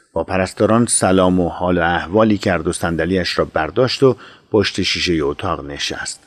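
A man narrating an audio drama in a slow, measured storytelling voice. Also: low voice.

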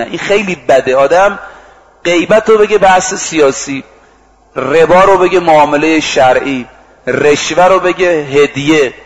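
A preacher with a fairly high voice delivers a storytelling sermon, vividly acting out quoted exchanges and slowly chanting scripture and verse. The audio quality is poor.

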